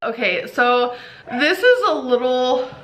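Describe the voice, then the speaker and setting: Woman, high-pitched, lively intonation, tired, chatty and rambling, gossipy storytime vlog. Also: slow pace, low-quality recording. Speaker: online video creator.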